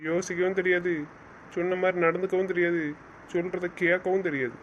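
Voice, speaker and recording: A man's voice: sits high, completely flat delivery, a little fast, fairly bright tone, a little hiss or hum, rough recording. A man playing a stern husband in an audio drama, scolding and giving orders. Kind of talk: casual audio drama acting.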